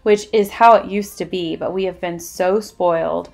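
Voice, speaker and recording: A woman's voice: lowish voice, fairly even intonation, normal speed, gravelly, a little mellow. A woman, chatting earnestly to her viewers in a casual voice-over, with rambling asides. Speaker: vlogger.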